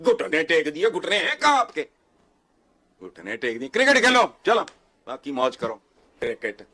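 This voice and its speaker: A man on a television talk panel, delivering a scornful, sarcastic rant. His voice sits a little high and swings widely as he mocks and scolds. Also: wildly swooping pitch, moderate pace, pushed and bright. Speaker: talk show guest. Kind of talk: heated TV panel commentary.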